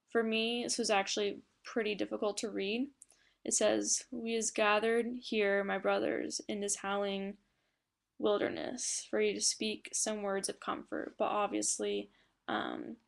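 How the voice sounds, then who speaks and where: Young woman reading a class report, gravelly. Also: medium pitch, pushed and bright. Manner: reads from script with small slips and fillers. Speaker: student presenter. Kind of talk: read class presentation.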